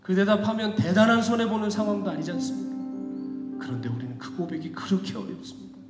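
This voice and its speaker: A man preaches a sermon in a high, ringing voice, telling a story dramatically and swinging from hushed tones to shouting. The sound rings out in a big, echoing church hall. Faint instrumental music plays in the background. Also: fairly quick. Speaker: pastor. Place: church sanctuary.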